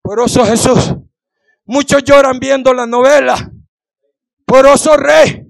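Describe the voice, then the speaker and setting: A male pastor preaching a fervent sermon in a church, shouting refrains and dropping to hushed pleas, questioning the congregation. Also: very high-pitched, fairly even intonation, takes it slowly, creaky, dry recording. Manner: repeats "santo es el Señor" and questions the congregation.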